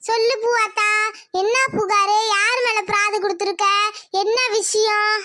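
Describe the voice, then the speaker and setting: A stern village headwoman in a homemade cartoon, giving orders and scolding, voiced by a woman. Her voice sits extremely high and bright, almost chipmunk-like. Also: little pitch movement, a little slow, a little hiss or hum, exaggerated voice. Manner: commanding, scolding, reassuring. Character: stern but kindly village headwoman, middle-aged woman. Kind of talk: cartoon comedy voice acting.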